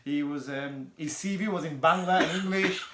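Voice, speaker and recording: A man's voice: on the high side, normal speed, background noise. A man co-hosting a casual chat show, laughing a lot and repeating himself. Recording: echoey room.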